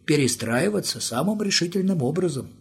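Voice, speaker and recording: Man doing a bossy young guy lecturing people, stern, impatient, husky. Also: on the high side, animated, brisk, voice pushed up, heavily acted.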